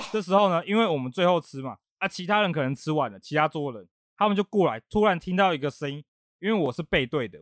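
Fast-talking man telling a story. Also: on the high side, dry recording, studio quality. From Taiwan. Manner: fast animated storytelling, laughing often, acting out quotes. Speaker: podcast host. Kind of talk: casual storytelling chat.

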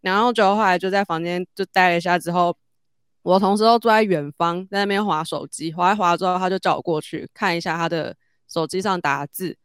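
A woman, telling a story in casual chat and growing animated as she goes. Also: brisk, clear, resonant tone, no room sound, studio quality. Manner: animated, rises high when excited.

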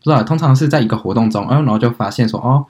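A young man co-hosting a podcast, telling stories in a casual, animated way and acting out what people said. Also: mid-range voice, racing. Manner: animated storytelling, acts out quotes. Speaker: podcast co-host. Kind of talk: casual chat.

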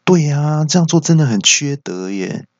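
A man voicing an excitable middle-aged male hotpot shop owner who exclaims in a high, shrill voice. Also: moderate pace, no echo, lo-fi sound. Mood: indignant.

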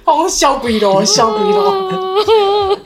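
A woman's voice: very high voice, slow pace, over loud music. A woman in her thirties with a Taiwanese Mandarin accent, hosting a podcast and telling stories in casual chat while laughing often. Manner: laughs often, animated storyteller. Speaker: podcast host, mother.

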